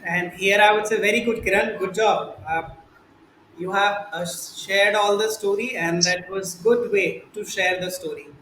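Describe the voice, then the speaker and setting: A man's voice: high voice, steady tone, unhurried, pushed and bright. A man with an Indian accent giving instructions and feedback as an English teacher, often repeating himself. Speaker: teacher of a spoken English class. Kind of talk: online class instruction and feedback. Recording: echoey room with faint noise.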